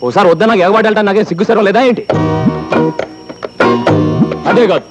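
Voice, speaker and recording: Brief: male actor as a bossy film relative, brusque, higher voice. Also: fast talker, over music, close to an everyday voice. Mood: scolding. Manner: scolding, brusque. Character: bossy brother-in-law.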